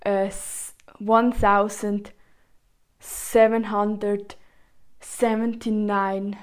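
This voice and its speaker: Slow-talking woman with Swiss German accent. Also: mid-range voice. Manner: speaks halting, non-native English with repetitions. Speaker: podcast host. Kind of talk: chatty solo podcast episode.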